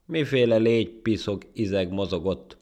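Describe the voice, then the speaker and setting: A man's voice: mid-range voice, sing-song, gravelly, pitched above the performer's own voice. A man voicing an arrogant, mocking male monkey in a storybook tale. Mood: haughty. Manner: scornful, loud, laughing. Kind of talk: storybook character voice.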